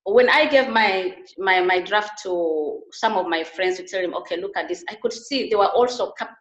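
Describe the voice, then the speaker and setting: A roomy echo and muffled sound mark this recording of a middle-aged woman from Uganda, a beauty and wellness therapist interviewed conversationally in Germany. She speaks earnestly at normal speed in a mid-range voice, often restarting.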